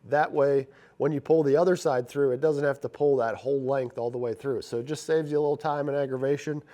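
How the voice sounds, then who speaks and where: A man hosting a fishing channel, talking to viewers in a casual, upbeat way. His voice is raspy and stuffed up from congestion. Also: medium pitch, steady tone, brisk, mellow. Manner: upbeat, chatty, talks straight to viewers. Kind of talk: casual instructional vlog.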